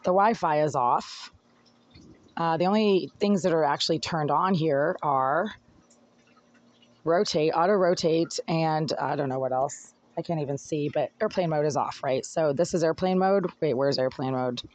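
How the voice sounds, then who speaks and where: Recording on a phone in his own hand, an aggrieved tenant with a hoarse, mid-range voice rambles through his complaints at a moderate pace. He fiddles with the phone as he talks, agitated, indoors in his apartment.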